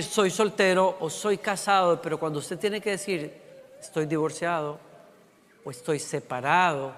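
A man's voice: high voice, fairly bright tone, long reverb tail. A man preaching a sermon as a pastor, telling humorous stories to make his point.

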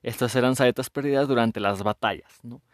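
A man's voice: medium pitch, fairly quick, no echo. Slangy Mexican man, dry sound. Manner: slangy and joking, with frequent swearing. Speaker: podcast host. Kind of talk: casual podcast monologue.

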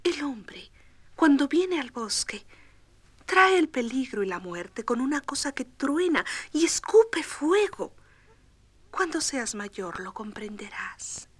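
A woman voicing a gentle, tender mother deer in a storybook record, speaking softly. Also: high voice, sing-song, slow, no room sound, voice pushed up, exaggerated voice. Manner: soft, hushed and tender.

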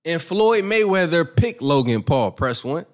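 A man's voice: fairly high pitch, big pitch swings, measured pace. A brash young man hosting a boxing commentary channel, giving his opinions in a rambling, profane, self-assured way. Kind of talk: casual opinion monologue.

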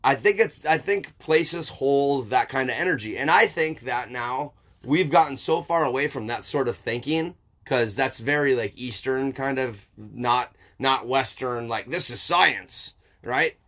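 A man's voice: mid-range voice, unhurried, hardly any pauses, fairly bright tone. A man chatting casually and reflectively as a podcast host, informal and emphatic, with some swearing and frequent checks for agreement. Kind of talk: casual philosophical chat.

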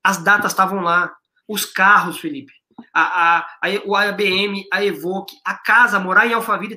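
Guest: São man, slangy storyteller, bright forceful voice, echoey room. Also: high voice. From Brazil, São Paulo. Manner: slangy, excitable, acts out quoted dialogue. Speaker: guest, business owner. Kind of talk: animated storytelling in casual chat.

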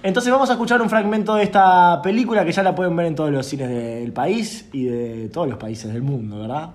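A man's voice: on the high side, fairly quick, a little mellow. A man hosting an improvised comedy radio show, in a playful mock-serious announcer tone.

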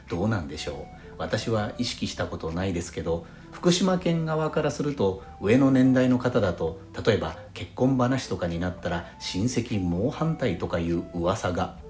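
Solo podcast host, man from Fukushima, low and animated delivery, roomy recording. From Fukushima, Japan. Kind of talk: solo audio podcast talk. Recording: roomy sound with faint background music.

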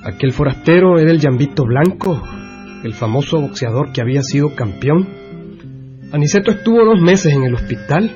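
Folksy male radio storyteller. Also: fairly high pitch. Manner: folksy, amused, moralizing. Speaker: narrator. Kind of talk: storytelling narration in a radio comedy. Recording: dull lo-fi radio recording with music.

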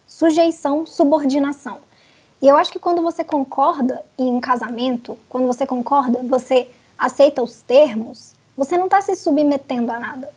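A woman on a panel, reasoning her point deliberately and with some hedging. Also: high voice, steady tone, a little mellow. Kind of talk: casual panel discussion.

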